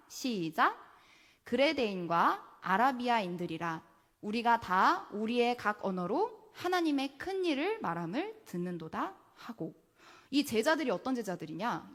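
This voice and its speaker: A woman junior pastor preaching a sermon. She repeats key words for emphasis, and she asks the congregation questions and answers them herself. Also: medium pitch. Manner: acts out casual quoted speech. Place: church sanctuary.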